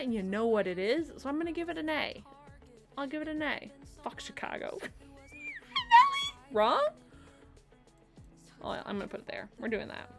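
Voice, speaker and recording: A young adult woman streaming live, chatting casually and giving blunt opinions with frequent laughs and quick asides. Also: fairly high pitch. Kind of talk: casual live-stream chat while ranking logos.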